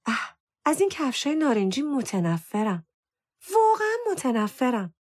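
A woman's voice: high voice, big pitch swings, voice pushed up. A woman reading a storybook voices a moody, self-conscious teenage girl who whines and pleads. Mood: sulky. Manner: whiny, pleading with her cat.

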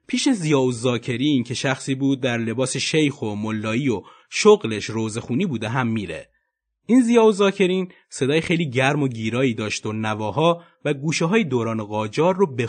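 A man narrating a documentary podcast episode in an expressive storytelling manner. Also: mid-range voice.

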